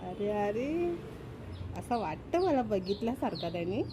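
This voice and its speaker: A woman vlogging at home in casual chat, excited and playful as she talks to her viewers. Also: medium pitch, measured pace, noisy background. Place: home with a sofa.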